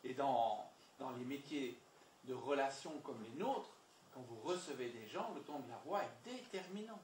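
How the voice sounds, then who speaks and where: Un homme formateur qui anime une séance sur la communication devant un public, en parlant de façon animée et insistante, avec des mots répétés. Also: male voice, mid-range voice, moderate pace, roomy sound, a little hiss or hum. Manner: lively, repeats words, emphatic. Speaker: trainer. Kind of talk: communication training talk. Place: meeting room with audience.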